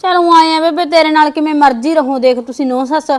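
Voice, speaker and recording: A woman playing a grown married daughter who gently calms her mother down. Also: high voice, fast, close to an everyday voice. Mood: soothing. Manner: soothing, pleading.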